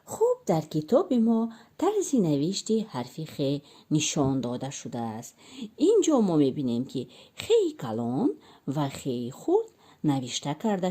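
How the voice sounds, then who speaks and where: A Tajik-accented woman teaching an alphabet lesson to young children. Her voice is low and mellow, and she drills syllables slowly in a lively sing-song pitch. Between the drills she explains the lesson in a plain classroom manner.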